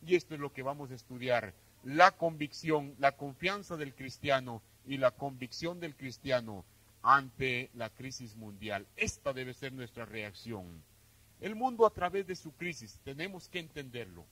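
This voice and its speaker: A man preaching a sermon, addressing his listeners as brothers and sisters, swinging between loud emphatic lines and softer ones. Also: mid-range voice, expressive, unhurried, no room sound, poor audio. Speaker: pastor.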